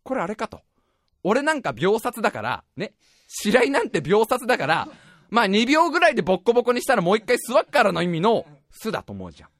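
Guy telling a funny story on his show, high voice, swoops all over, keeps laughing at himself. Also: a little fast, no room sound, clean studio sound. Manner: animated, self-mocking, often laughing while talking. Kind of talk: comic storytelling monologue.

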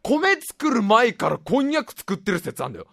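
A man in his thirties telling a rambling comic monologue in rough casual speech, laughing often and tripping over his words. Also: sits high, huge pitch swings, a little fast, fairly bright tone, no room sound, studio quality.

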